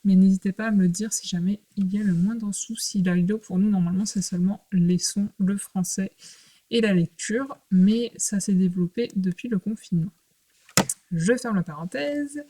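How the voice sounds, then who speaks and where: A woman teacher records a lesson for young children at home. She explains things patiently in short, clear phrases and leaves pauses between them. Her voice sits at a middling pitch. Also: dark tone. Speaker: primary school teacher.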